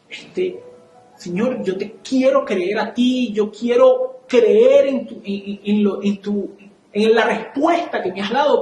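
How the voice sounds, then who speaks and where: A man's voice: very high-pitched, roomy sound, slight background noise, rough recording. A man with a Venezuelan accent giving a sermon testimony, telling a story and acting out the dialogue with animation. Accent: Venezuelan Spanish. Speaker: church speaker. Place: church.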